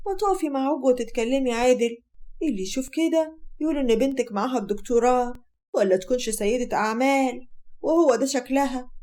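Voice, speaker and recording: A woman voicing an overbearing older Egyptian mother who scolds loudly and indignantly. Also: sits high, lightly acted. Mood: scolding.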